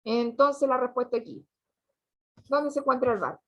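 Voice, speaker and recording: A woman's voice: high voice, animated, normal speed. A woman, teaching a class patiently, asking questions and repeating students' answers. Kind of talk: online class lesson. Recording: dull lo-fi recording.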